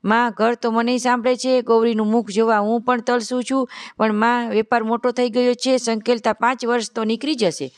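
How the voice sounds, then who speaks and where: A woman voicing an earnest, devoted husband who is a wealthy merchant, speaking in a clear, smooth voice. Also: fairly high pitch, flat delivery, normal speed, dry recording, clean studio sound, natural voice. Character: devoted husband, rich merchant returned home.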